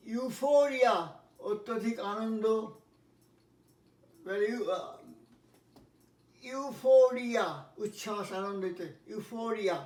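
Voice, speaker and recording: A man teaching English pronunciation, spelling words letter by letter and repeating each one slowly. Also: high-pitched, distant mic. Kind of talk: pronunciation lesson. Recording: echoey room, voice from off-mic.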